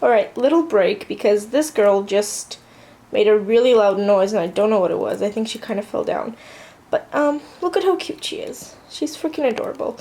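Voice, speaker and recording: This vlogger is a teen girl from southern California with a slight Armenian Russian accent, chatting casually and using lots of fillers on a plant tour of her apartment room and bathroom. Her warm, mid-range voice has lively intonation and a moderate pace, with a little hiss or hum in the audio.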